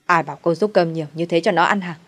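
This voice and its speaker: A woman's voice: on the low side, fast, lightly acted. A woman voicing an older mother-in-law who scolds and wails in grief, in a spoken story. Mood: scolding. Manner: scolding, wailing.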